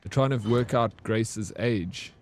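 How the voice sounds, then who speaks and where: A man's voice: on the low side, takes it slowly. A man in his forties chatting casually with his live-stream chat, joking and answering comments. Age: 40s. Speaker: game streamer.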